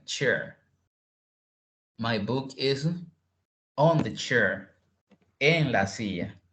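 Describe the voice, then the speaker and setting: A man leads an online English lesson at an unhurried, deliberate pace. He repeats each word several times and keeps asking his students questions. His voice carries a noticeable room echo. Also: mid-range voice, fairly bright tone. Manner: repeats words slowly, quizzes students. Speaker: English tutor.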